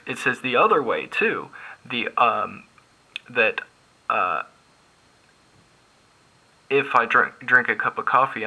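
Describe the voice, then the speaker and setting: Male math instructor, lower-pitched, crisp bright voice, talks through ideas with restarts. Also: rough recording. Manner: thinking aloud, restarts, filler-heavy. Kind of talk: recorded lecture at a board.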